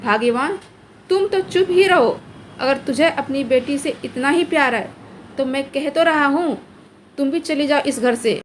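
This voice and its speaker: Woman doing a commanding, angry father in a storybook tale, fairly high voice, plain everyday delivery. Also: unhurried, slight background noise. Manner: scolding, commanding. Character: stern angry father, middle-aged man.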